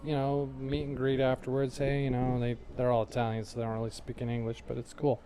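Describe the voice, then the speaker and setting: A man's voice: medium pitch, completely flat delivery, brisk, mellow, slight background noise. A man in his forties co-hosting a podcast in casual chat, laid-back and trailing off with fillers. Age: 40s. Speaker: podcast co-host.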